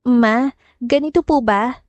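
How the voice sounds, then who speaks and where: A woman's voice: a little high, slow, no room sound, soft background music. A woman voicing a shy, obedient twenty-year-old village girl who speaks politely and hesitantly. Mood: timid. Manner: polite, hesitant, soft-spoken.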